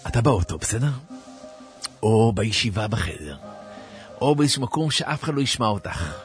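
Animated man giving a Torah talk. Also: fairly low pitch, soft background music. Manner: dramatic, swings from hushed asides to sudden shouts. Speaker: religious teacher.

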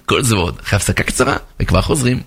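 A man, a rabbi, telling a parable in a sermon, animated, with sound effects and acted voices. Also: on the low side, music in the background. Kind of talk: storytelling sermon.

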